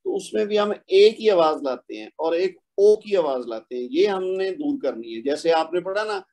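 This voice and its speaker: A man whose first language is Urdu explains recitation rules to a student in a tutoring session. His voice sits a little high for a man, and his manner is patient and corrective, repeating each point. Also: lively intonation, darkish tone. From Pakistan or India. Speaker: Quran recitation teacher. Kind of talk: online tutoring lesson.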